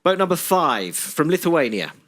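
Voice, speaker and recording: A man commentating live on a sailing race, steady and informative, with frequent "uh" fillers. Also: a little high, moderate pace.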